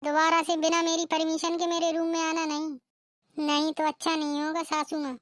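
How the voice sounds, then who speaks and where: A woman's voice: very high voice, monotone, normal speed, fairly bright tone, dry recording, studio quality. A woman voicing a rude, defiant young daughter-in-law in a cartoon, talking back with arrogance. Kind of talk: cartoon voice acting.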